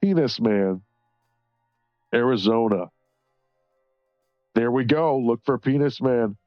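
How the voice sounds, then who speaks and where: A man's voice: mid-range voice, slow, no echo. A man streaming while he colors, chatting casually, rambling and swearing, often laughing and reading chat aloud. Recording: slightly dull sound, faint music behind.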